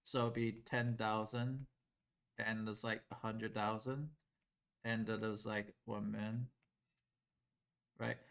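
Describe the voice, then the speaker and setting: A middle-aged man from Taiwan teaching a math class in a classroom, lively and asking the class questions. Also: on the low side, slow pace, gravelly, long pauses, clear, resonant tone. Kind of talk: classroom lecture at a whiteboard.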